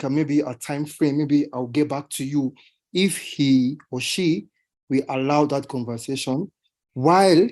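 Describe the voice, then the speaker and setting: Mellow man answering haltingly. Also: mid-range voice. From Kenya. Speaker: workshop participant. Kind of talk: unscripted answer in an online training.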